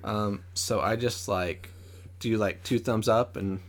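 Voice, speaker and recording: A man's voice: on the low side, steady tone, takes it slowly. A man co-hosting a casual podcast at home, telling a story with lots of hesitation, ums and restarts. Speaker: podcast co-host. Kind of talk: casual chat. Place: at a table at home.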